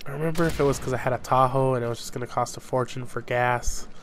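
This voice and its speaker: A young man from southern Idaho, congested from a cold, chats casually over gameplay footage as a gaming YouTuber, rambling with plenty of fillers. His voice is medium in pitch, fairly even in intonation, and fast, with a little hiss or hum in the recording.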